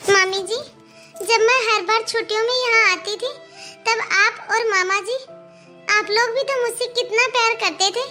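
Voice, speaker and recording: A woman's voice: very high-pitched, measured pace, pushed and bright, faint music behind, exaggerated voice. A woman voicing an outspoken young girl who speaks up earnestly for her mother in a cartoon. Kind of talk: cartoon voice acting.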